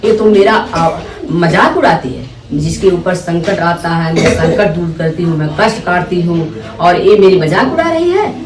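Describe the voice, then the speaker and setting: A woman's voice: fairly low pitch, lively intonation, normal speed, lightly acted. A woman with an Uttar Pradesh accent voicing a stern, proud village goddess in a folk tale, scolding and reproachful. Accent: Uttar Pradesh Hindi. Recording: roomy, distant phone recording with chatter.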